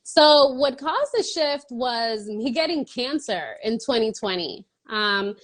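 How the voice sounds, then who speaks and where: A woman's voice: fairly high pitch, lively intonation, slow pace. A woman in her thirties from the Dominican Republic, a guest in an interview, answering at length in an earnest way with small laughs between phrases.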